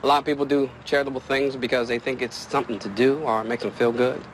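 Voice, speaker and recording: An actor playing a kindly pastor who speaks gently and patiently to a stranger, recorded outdoors with faint street noise. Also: male voice, medium pitch, steady tone, fast talker, lightly acted, rough recording. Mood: gentle. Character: kindly male pastor offering chili to a stranger.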